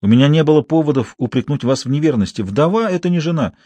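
A man's voice: a little high, animated, fast, mellow, dry recording. A man reading a sour, reserved detective. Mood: dry ironic. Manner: sour, understated, clipped. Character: dry, ironic middle-aged male detective, reserved. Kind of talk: audiobook character voice.

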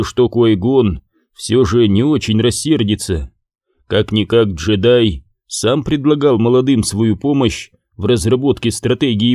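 A man narrating an audiobook in a steady, measured way. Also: on the low side, no echo, clean studio sound.

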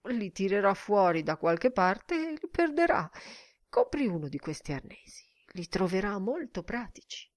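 A woman's voice: medium pitch, big pitch swings, normal speed, dry recording, studio quality, lightly acted. A woman voicing a stern, self-satisfied old male schoolmaster who lectures solemnly in an audiobook. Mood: lecturing.

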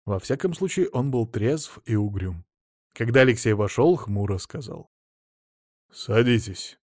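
A man reading an audiobook aloud in an ironic, lively storytelling manner. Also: mid-range voice, moderate pace, no echo, studio quality. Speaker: audiobook narrator. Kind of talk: audiobook narration with acted dialogue.

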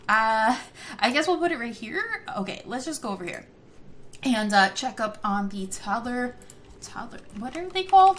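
A young woman chatting casually as she plays a life-simulation game, giggly and easily excited. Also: a little high, slight background noise. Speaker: gameplay commentator. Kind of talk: casual gameplay commentary.

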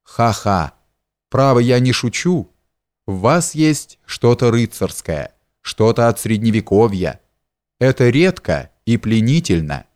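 A man reading the part of a worldly, talkative gentleman in an audiobook, with a smooth, familiar, teasing manner. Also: medium pitch, very animated, slow pace, dry recording, studio quality. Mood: amiable.

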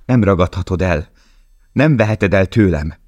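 A man reading a novel voices a desperate young male prisoner who issues urgent, commanding instructions. His very deep voice is a little mellow and slightly rough, and the sound is close and dry with no room sound.

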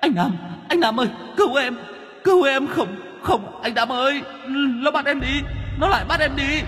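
A man voicing a frightened male ghost who wails and begs in a high voice. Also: brisk, long reverb tail. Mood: terrified begging. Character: frightened male ghost sidekick, whiny and clingy.

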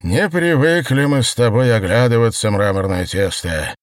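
Man doing a hoarse, wheezing grotesque woman. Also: mid-range voice, normal speed, dry recording, clean studio sound, voice pushed up, close to an everyday voice. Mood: exclaiming.

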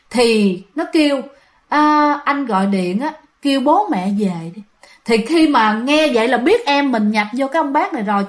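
A woman with a Southern Vietnamese accent narrates a ghost story in a casual, chatty way. She talks straight to her listeners and fills pauses freely, and her voice sits a little high. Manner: chatty, addresses listeners directly, many fillers.

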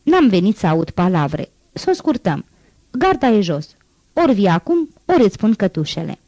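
A woman's voice: mid-range voice, sing-song, dry recording. A woman reading an audiobook voices a harsh, bullying male police inspector who barks contemptuous orders. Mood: furious. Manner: barking, contemptuous shouts.

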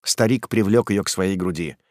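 A man narrating an audiobook in a measured, dramatic reading. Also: deep voice, dry recording, clean studio sound. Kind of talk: scripted narration.

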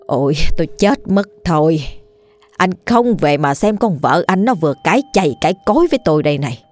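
A woman voicing a spiteful old village mother-in-law who scolds and wails in a sour, shrill way. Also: animated, brisk, soft background music. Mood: shrill scolding.

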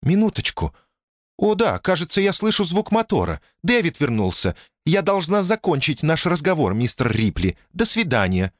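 A man voicing a nervous, high-strung woman on the phone, with a thin, tense voice and hurried, fluttery apologies. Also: sing-song, dry recording, clean studio sound. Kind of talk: audiobook character voice.

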